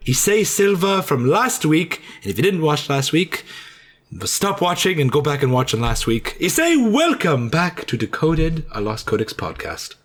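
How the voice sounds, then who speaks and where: A man voicing a doting old female dwarf grandma who hosts the show, in a high, soft, sing-song voice. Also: very animated, moderate pace. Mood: grandmotherly, theatrical. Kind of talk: comedic podcast intro.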